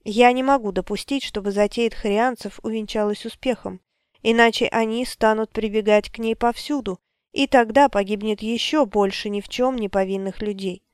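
A woman's voice: fairly high pitch, fairly even intonation, smooth, no echo, studio quality, lightly acted. Woman voicing a cold, stern male wizard. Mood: unyielding. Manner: firm, measured, unbending.

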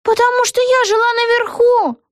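Lady putting on a squeaky young witch girl, all indignant yelling, super dry close audio. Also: lively intonation, normal speed, no room sound. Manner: high, exclaiming protests.

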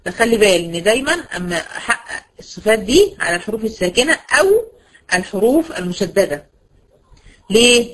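Brisk Egyptian woman teaching tajweed. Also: mid-range voice, a bit bright, rough recording. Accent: Egyptian Arabic. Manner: brisk, asks students questions and answers them herself; slows to stretch out example words. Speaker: Quran recitation teacher. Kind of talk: online tajweed lesson to female students.

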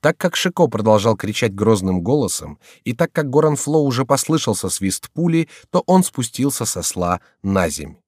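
A man narrating an audiobook in an expressive, scripted reading. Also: medium pitch, moderate pace, hardly any pauses, husky, no echo, clean studio sound.

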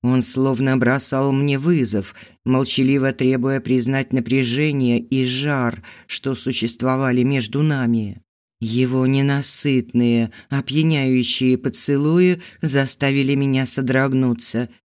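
Slow, measured male audiobook narrator. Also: mid-range voice, fairly even intonation, darkish tone. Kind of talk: scripted narration.

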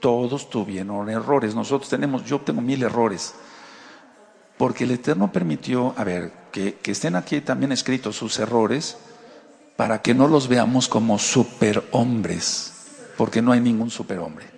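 Gravelly Mexican man preaching in a hall. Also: medium pitch, a little slow, darkish tone. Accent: Mexican Spanish. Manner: conversational preaching, rhetorical questions to the congregation. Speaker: Torah teacher. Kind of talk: sermon.

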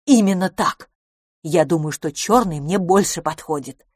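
A brash, self-assured salon owner, as a woman reads her in an audiobook, bragging brisk and emphatic. The voice sits fairly low, a little husky, in a dry close sound. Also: a little mellow, no echo, close to an everyday voice. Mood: boastful. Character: brash, confident London beauty salon owner.

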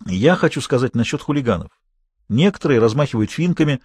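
A man's voice: mid-range voice, sing-song, fast talker, a little mellow, breathy edge, no room sound, clean studio sound. A man voicing a brave, earnest teenage schoolboy who speaks resolutely.

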